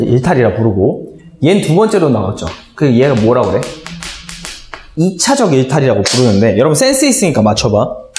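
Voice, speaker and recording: Male teacher, playful storytelling lecture, pitch leaping all over, echoey room. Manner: playful, animated, quizzes the viewers with questions.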